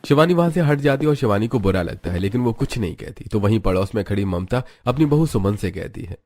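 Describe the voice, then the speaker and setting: A man narrating a family drama story in an even, storytelling way. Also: fairly low pitch, fast talker.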